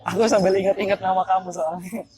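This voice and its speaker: A man's voice: high voice, little pitch movement, fast talker, darkish tone. A young man, performing street magic outdoors in a park and teasing the people he plays with in a chatty, playful way. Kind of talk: casual street performance patter.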